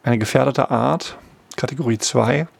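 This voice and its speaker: A man's voice: mid-range voice, normal speed, creaky, husky, dry recording. A middle-aged man presenting an informal explanatory monologue, musing and wry, with hesitant asides. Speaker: host of a monthly sound feature.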